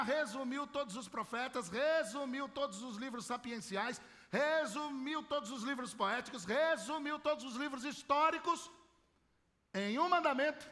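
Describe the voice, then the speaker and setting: High, bright-voiced Brazilian pastor preaching. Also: male voice. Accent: Brazilian Portuguese. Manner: impassioned, acts out biblical voices. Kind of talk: sermon. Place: large church hall. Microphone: handheld microphone. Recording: long church hall reverb.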